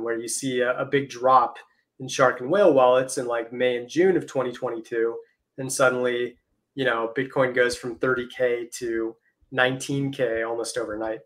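A man talking through crypto market charts on a livestream video call, explaining step by step. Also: mid-range voice.

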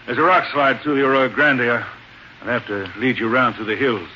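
An actor playing a gruff outlaw posing as a cowhand, with a low, drawling, threatening manner, heard through an old AM radio broadcast. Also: male voice, steady tone, fairly quick, bright, forceful tone. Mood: friendly. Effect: old AM radio broadcast sound. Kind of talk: 1940s radio acting. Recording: muffled, hissy old radio recording.

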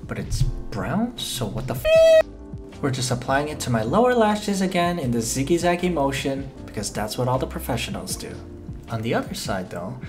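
A young man doing a comedic voiceover for a makeup video, playful and jokey, swearing freely and throwing in loud exclamations. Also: mid-range voice. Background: faint background music.

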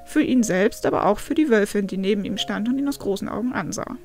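A woman narrating fan fiction aloud at an even storytelling pace. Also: mid-range voice, quick pace, faint music behind.

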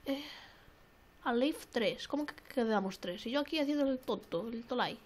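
Excitable high-voiced young woman gamer. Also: normal speed. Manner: excitable, repeats phrases, swears often. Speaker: gaming YouTuber. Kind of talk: casual let's-play commentary.

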